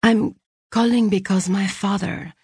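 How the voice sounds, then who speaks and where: A woman's voice: mid-range voice, steady tone, measured pace, a little mellow, breathy edge, no echo, studio quality, pitched above the performer's own voice. A woman narrator voicing a wary, serious woman who calls her estranged sister. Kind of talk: audiobook character voice.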